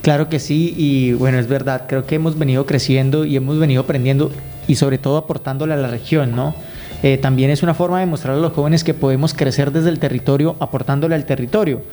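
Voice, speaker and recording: The speaker, a youth program consultant from Colombia raised in Guaviare, appears as a radio guest. His medium-pitched, warm voice stays steady while he speaks fast. His earnest, conversational answers sometimes pause as he searches for words.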